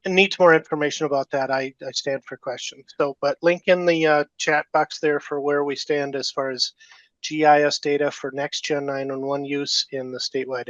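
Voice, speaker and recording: A man's voice: a little high, a bit bright, no echo. Man on a dull, dry video call. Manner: matter-of-fact, with small restarts. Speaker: committee member giving an update. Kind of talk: brief meeting update.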